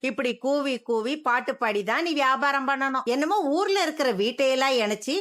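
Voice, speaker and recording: A woman's voice: sits high, normal speed, a bit bright. A woman voicing a scornful old grandmother who taunts and sneers in a drama dub. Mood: sneering. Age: older. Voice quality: mocking, sneering.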